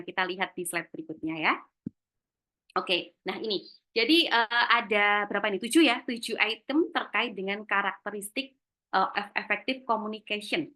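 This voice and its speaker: Bright-voiced woman giving a career talk. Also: a little high. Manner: lively, acts out short example lines. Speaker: career workshop speaker. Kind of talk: online seminar talk. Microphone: video call.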